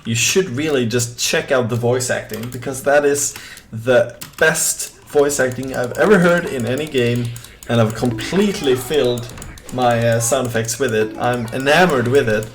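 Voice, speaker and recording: On a game live stream, a young man from Sweden chats casually in a mid-range voice at a moderate pace, his Swedish accent noticeable. His talk is rambling and full of fillers as he reads the chat out loud.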